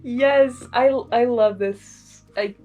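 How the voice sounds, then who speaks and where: Soft music plays behind a woman hosting a blind-reading series, her voice fairly high and darkish as she takes her time. Between passages of story narration she gushes with exclamatory, excited fan commentary.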